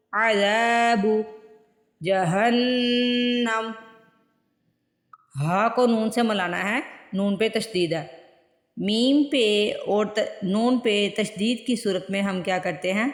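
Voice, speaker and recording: A woman teaching Quran recitation step by step, patiently repeating words slowly to show pronunciation. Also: medium pitch. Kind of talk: step-by-step tajweed lesson. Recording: echoey room with long reverb.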